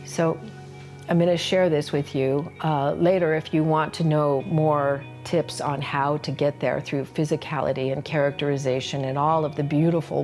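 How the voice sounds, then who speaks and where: An older woman with a low voice and an unhurried pace, teaching through a personal story. Her telling is earnest and confiding, and faint music plays underneath. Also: vocal fry, a little mellow. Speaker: solo-performance teacher.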